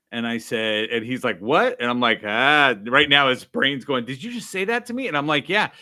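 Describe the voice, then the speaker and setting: A man guest in a casual interview, telling stories and acting out quoted dialogue, with many "right?" and "I'm like" asides. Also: medium pitch. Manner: animated, acts out quoted dialogue. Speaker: guest, sales trainer.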